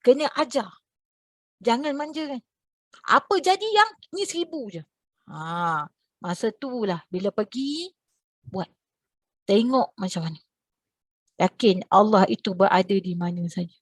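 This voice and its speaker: A woman from Malaysia, a religious teacher, telling a story to her class over a video call in a lively, expressive way. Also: a little slow, long pauses, no echo. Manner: animated, expressive, swings in pitch and loudness.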